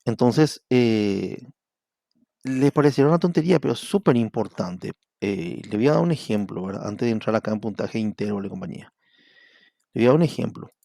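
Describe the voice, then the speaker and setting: Paraguayan guy lecturing online, gravelly dark voice, dry close sound, keeps checking the class follows. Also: on the low side, lively intonation, a little fast, no room sound. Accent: Paraguayan Spanish. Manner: explanatory, repeatedly asks "¿verdad?". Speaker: university lecturer.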